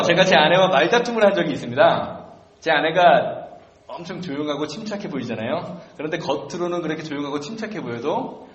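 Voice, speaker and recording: Animated male pastor in echoey church. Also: high-pitched. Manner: conversational, self-deprecating storytelling. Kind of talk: sermon. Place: church sanctuary. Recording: echoey church room, dull lo-fi sound.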